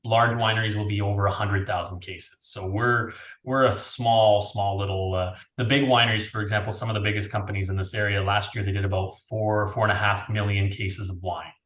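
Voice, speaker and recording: A Canadian winery owner in his thirties from the Niagara region answers interview questions casually and chattily over a video call on earphones. His voice is fairly low and flat in pitch, a bit bright, and he talks a little fast with few pauses, the audio sounding roomy and echoey.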